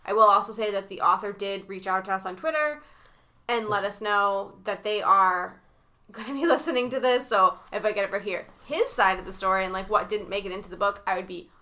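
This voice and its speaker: Chatty bright-voiced woman podcaster. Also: medium pitch, a little fast. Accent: mixed southern Massachusetts and Rhode Island. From southern Massachusetts. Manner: chatty, many fillers like "um" and "like". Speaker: podcast co-host. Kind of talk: casual chat.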